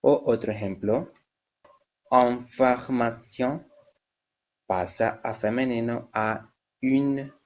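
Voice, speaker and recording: A man teaching a French lesson, who spells word endings letter by letter and repeats each word slowly. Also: mid-range voice, darkish tone, lo-fi sound. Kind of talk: slow step-by-step language lesson.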